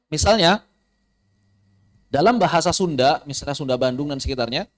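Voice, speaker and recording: A man gives an online Quran recitation lesson, his somewhat high voice jumping up sharply to stress a point. He works through example after example and repeats the key words. Now and then he slows down to chant a line of Arabic verse. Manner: lively, sudden jumps in pitch for emphasis. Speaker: tajwid teacher.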